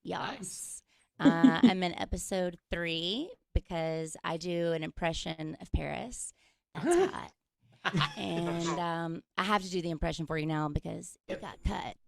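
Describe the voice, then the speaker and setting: A woman's voice: lowish voice, gravelly. A woman, telling self-deprecating comic stories as a guest comedian over a video call. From Mississippi, US. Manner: chatty, self-deprecating, quick asides. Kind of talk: stand-up style comic storytelling.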